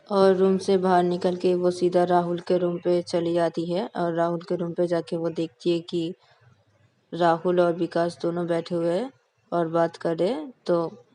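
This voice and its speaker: A woman's voice: fairly low pitch, dark tone. A young adult woman telling a love story casually, with plain narration full of repeated linking phrases.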